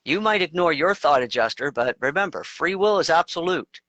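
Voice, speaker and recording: A man with a bright, forceful voice and a slightly raised pitch talks in long, emphatic runs, dropping in crude asides as he explains his views. The sound is dry and close. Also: expressive, normal speed, no room sound, lo-fi sound. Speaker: co-host. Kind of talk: casual spiritual discussion.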